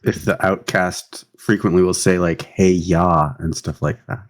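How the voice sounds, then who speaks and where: A man playing a tabletop game who jokes casually with the table. His voice sits a little low. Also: steady tone, normal speed. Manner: joking. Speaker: player.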